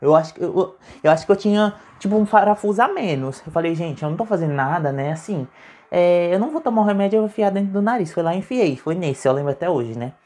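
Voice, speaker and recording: A man's voice: high voice, animated, quick pace, mellow. A man in his twenties telling a funny childhood story as a chatty vlogger at home, often laughing and calling out to his viewers. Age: 20s. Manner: chatty, keeps saying "gente", laughs while telling. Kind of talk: casual storytelling to camera. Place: home, with his mother nearby.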